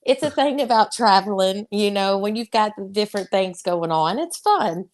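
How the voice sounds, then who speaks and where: A woman's voice: medium pitch, lively intonation, normal speed. A young woman with a Southern US accent, a wrestler chatting as a guest in a casual interview, laughing often and drawing out her words.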